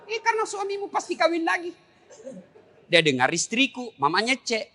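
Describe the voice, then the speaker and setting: Brief: middle-aged male preacher with a Makassar accent, high bright voice, playful comic sermon, long hall reverb. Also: moderate pace. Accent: South Sulawesi (Makassar) Indonesian. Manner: animated, joking, jumps between high and low registers.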